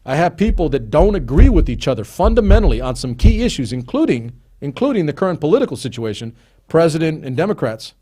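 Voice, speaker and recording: A man's voice: a little high, sing-song, quick pace, warm tone, breathy edge. A man hosting a live stream, talking casually and reading a list of names with asides. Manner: chatty, digressive, reads names off a list. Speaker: host.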